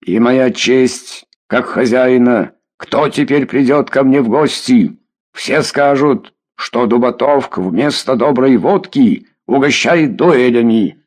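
A man's voice: mid-range voice, slow, a little mellow. A man reading an audiobook voices a blustering old host who scolds his quarrelling guests. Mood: scolding. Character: old burly host, blustering but ashamed.

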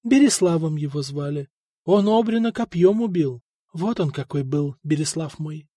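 A man's voice: fairly high pitch, animated, normal speed, dark tone, no room sound, studio quality. A man voicing an old widowed peasant woman who mumbles and pleads through tears in an audiobook. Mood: wary.

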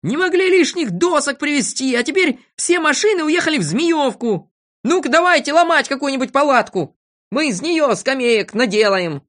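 A woman voicing a boastful, bossy little boy from a storybook, squeaky and fussy. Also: huge pitch swings, fast, hardly any pauses, slightly rough, full character voice. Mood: shouting.

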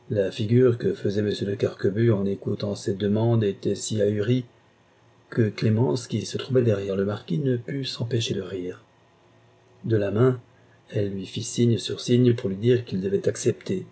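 A man narrating a classic novel aloud in an even, measured manner. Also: fairly low pitch, husky. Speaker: audiobook narrator.

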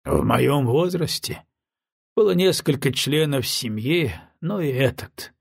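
A man voicing a weary older admiral who speaks in a flat, emotionless voice. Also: mid-range voice, takes it slowly, creaky, breathy edge, no room sound, clean studio sound, exaggerated voice. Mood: resigned.

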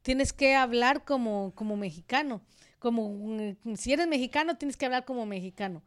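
A woman from Central America with a Central American Spanish accent, co-hosting a casual radio chat and telling stories in an outspoken, animated way. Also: fairly high pitch, moderate pace. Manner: outspoken, animated storytelling with asides. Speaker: radio co-host. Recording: studio radio microphone.

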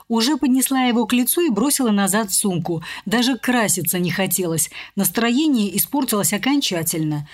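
A woman reading a first-person novel aloud as an audiobook narrator, shifting her pitch and pace to voice the characters.

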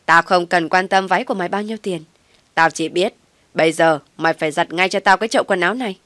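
A woman voicing a bitter, bossy old mother-in-law who scolds and wails loudly. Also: lowish voice, fast talker, no room sound, lightly acted. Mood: scolding. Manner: scolding, wailing.

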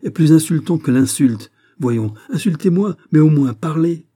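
A man's voice: medium pitch, fairly quick, warm tone, husky, close to an everyday voice. A man voicing a proud, jealous young princess in an audiobook, speaking haughtily in furious, tearful outbursts. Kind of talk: audiobook character reading.

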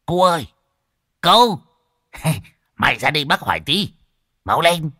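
A man's voice: low voice, sing-song, a little slow, sharp tone, no room sound, clean studio sound, voice pushed down, exaggerated voice. A man voicing a rude, swaggering old man who grumbles and bellows coarsely. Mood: brash.

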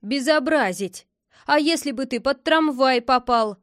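A woman's voice: high-pitched, a little slow, no echo, clean studio sound, pitched above the performer's own voice. A woman doing a reproachful patrolman. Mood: lecturing. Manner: lecturing, reproachful. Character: adult male street patrol volunteer, lecturing.

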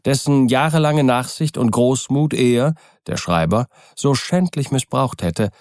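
A man narrating a classic novel as an audiobook, calm and even. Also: medium pitch, a little slow, no echo, studio quality. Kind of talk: scripted literary narration.

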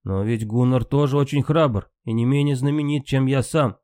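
A man voicing a brave hero warrior in an audiobook, in a grave, steady manner. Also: medium pitch, normal speed, dry recording, clean studio sound, pitched above the performer's own voice, lightly acted.

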